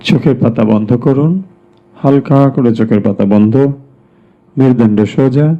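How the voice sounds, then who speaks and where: A man leading a guided meditation as a teacher, giving slow, measured instructions with pauses between them. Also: mid-range voice. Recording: dull, lo-fi sound.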